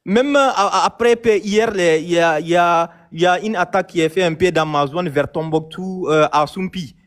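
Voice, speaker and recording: Malian male caller, high voice, insistent and halting, repeats words. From Mali. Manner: insistent, repeats himself, many hesitations. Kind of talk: casual chat, phone-in debate.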